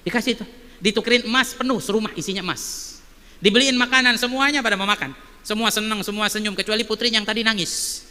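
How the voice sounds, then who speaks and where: Guy preaching, high voice, lively storytelling w lots of rhetorical questions, echoey mosque. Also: quick pace, smooth. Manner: animated, many rhetorical questions. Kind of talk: sermon with storytelling. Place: mosque hall.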